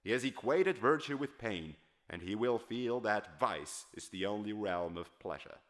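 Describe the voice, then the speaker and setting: A man performs a novel character's monologue as a scripted audiobook reading, dramatic, emphatic and oratorical. His voice is fairly low and animated, at a moderate pace.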